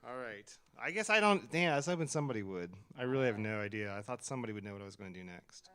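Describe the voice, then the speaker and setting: A man's voice: on the low side, lively intonation, very fast, crowd noise. A man hosting a live show in front of an audience, improvising in a loose, hesitant way.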